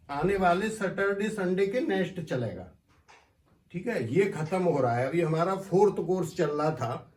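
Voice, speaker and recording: Man, instructive casual talk, slightly high voice, echoey room, distant mic. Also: darkish tone. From India. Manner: direct, instructive, addresses viewers familiarly. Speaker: astrologer giving market analysis. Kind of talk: casual explanatory talk to viewers.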